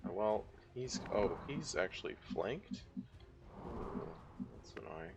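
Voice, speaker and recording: A man's voice: fairly low pitch, very animated, slow, dull audio, heavy background noise. A man giving casual gameplay commentary, muttering and thinking aloud as he plays. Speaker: video game streamer.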